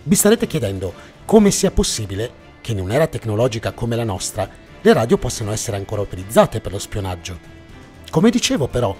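With music playing behind him, a man hosts and narrates a mystery series, delivering the scripted documentary in a tense, dramatic style. His voice is mid-range with a darkish tone.

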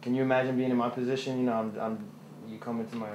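A man's voice: mid-range voice, level tone, very fast, a little mellow, reverberant, highs cut off, slight background noise, natural voice. A man playing a stammering young man. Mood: defensive. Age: 20s. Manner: stammering, many restarts. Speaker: young son. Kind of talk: film drama acting.

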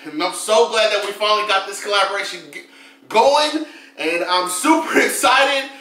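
A man hosting his food review channel, opening a mukbang with loud, slangy, hyped shout-outs. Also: sits high, moderate pace. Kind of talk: casual mukbang intro. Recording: echoey room, voice a bit far.

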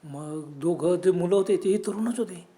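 Male horror storyteller, dark tone, conversational and dramatic. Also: high-pitched, measured pace.

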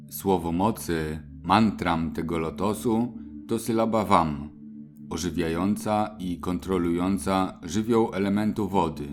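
A man calmly narrating a scripted spiritual lesson in a measured, solemn way. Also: low-pitched. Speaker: meditation teacher. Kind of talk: slow scripted narration over music. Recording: music clearly behind voice.

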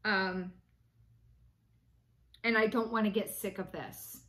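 Talking to camera from a small room at home, a woman in her late thirties rambles about her cross-stitch project, full of ums and restarts. She speaks slowly in a mid-range voice with a sharp tone and fairly even intonation.

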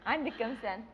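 A woman's voice: a little high, fairly bright tone, a little hiss or hum. A woman with an Egyptian accent hosting a TV talk show and asking her guests questions in a chatty way.

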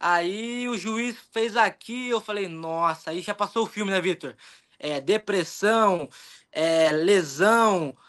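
A young man with a Brazilian Portuguese accent, telling his story in an animated, rambling way in a casual interview, acting out his own thoughts. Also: high-pitched, slow pace. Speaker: jiu-jitsu athlete, interview guest.

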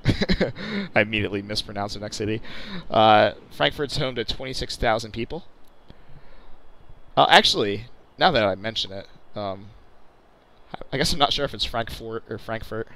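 Chatty man with a bright, lowish voice. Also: expressive, normal speed, long pauses. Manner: chatty, self-correcting, jokey asides. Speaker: channel host. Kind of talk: casual commentary over flight-sim gameplay.

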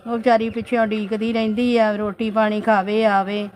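A woman's voice: on the high side, flat delivery, moderate pace, darkish tone, slight background noise, natural voice. A middle-aged woman from Punjab playing a gossiping neighbour aunt in a home-made short film, disapproving and muttering to herself.

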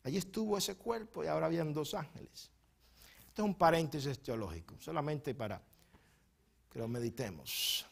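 A man preaching a sermon as pastor in a church, moving between quiet teaching asides and loud, fervent bursts, often stumbling and repeating words. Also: animated, moderate pace, vocal fry, breathy edge. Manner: swings from soft, low teaching asides to loud, high impassioned preaching.

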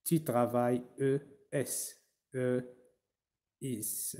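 A man teaching French to his class, slow and patient, spelling verb endings out letter by letter. His voice is dark and mellow, and he takes his time over every word. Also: medium pitch, fairly even intonation. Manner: switches between French and Arabic to explain. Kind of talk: online language class.

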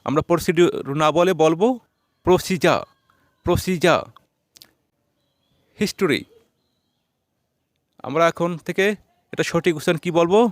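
A man's voice: a little high, fairly even intonation, fast, dry recording. Guy teaching english words, asks then repeats each one, dry close sound. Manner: quizzes a helper, repeats each word twice. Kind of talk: classroom-style pronunciation lesson.

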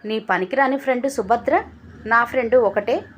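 A woman's voice: on the high side, moderate pace, breathy edge. A woman voicing a domineering adult husband in a storybook reading, speaking harshly and scolding. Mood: angry.

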